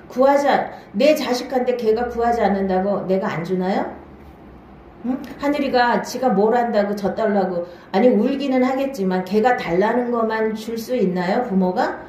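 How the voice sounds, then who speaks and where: On the high side and slightly mellow, this woman's voice comes with a touch of background noise. Leading a Bible study in a church hall, the pastor keeps checking her listeners understand and asking them questions, marking each fresh point with "now then".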